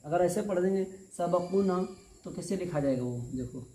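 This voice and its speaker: A male teacher giving a spelled-out recitation lesson, patiently drawling each word out slowly and repeating it. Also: high-pitched, dark tone. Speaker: Quran reading teacher. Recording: echoey room with faint noise.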